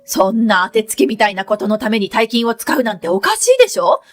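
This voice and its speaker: Woman putting on a shrill scolding mother-in-law. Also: big pitch swings, a little slow, soft background music, exaggerated voice. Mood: shrill outraged. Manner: shrill, indignant, shrieking.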